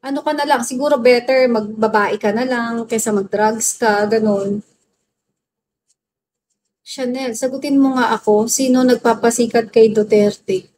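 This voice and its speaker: A woman's voice: on the high side, steady tone, measured pace, darkish tone. A woman from the Philippines chatting on a phone livestream, answering viewer comments bluntly, scolding hecklers and laughing often. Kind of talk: casual livestream chat reading viewer comments. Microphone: phone livestream mic.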